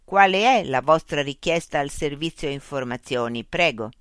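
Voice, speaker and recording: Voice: medium pitch, expressive, moderate pace, fairly bright tone, clear, resonant tone, no room sound, clean studio sound, lightly acted. A narrator voicing a cold bureaucratic machine information unit that recites rules in a rigid, officious way. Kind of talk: audiobook character voice.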